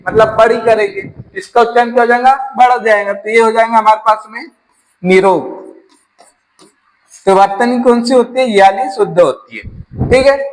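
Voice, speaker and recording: High-voiced man teaching exam grammar. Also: rough recording. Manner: explains step by step, asks the class rhetorical questions. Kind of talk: exam-prep Hindi grammar lesson.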